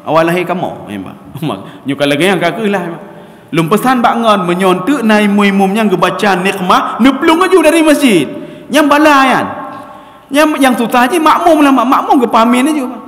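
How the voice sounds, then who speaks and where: A man preaching a sermon, animatedly addressing the congregation as sir and miss. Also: high-pitched. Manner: addresses the congregation as Pak and Mbak, loud and animated. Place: mosque gathering. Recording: echoey reverberant hall.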